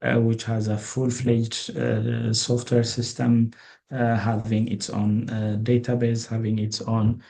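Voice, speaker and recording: A man's voice: medium pitch, completely flat delivery, takes it slowly, gravelly, dark tone. A man from Ethiopia giving an online training lecture, hesitant, with many fillers and restarts.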